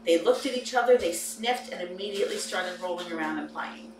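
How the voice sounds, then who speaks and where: A woman in her forties hosting a kitten livestream, chatting casually and cooing softly to the kittens. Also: lowish voice, brisk. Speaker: host of a kitten rescue livestream. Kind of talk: casual chat and talking to kittens. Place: indoor cat playroom. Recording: roomy, distant mic, noisy background.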